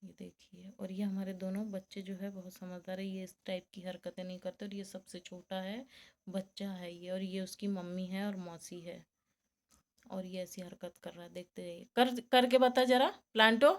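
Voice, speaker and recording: A woman's voice: completely flat delivery, moderate pace, mellow. Female home vlogger, casual and chatty, tired, pet-doting. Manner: coos at her rabbits in a high sing-song voice; chatty, addresses viewers as friends.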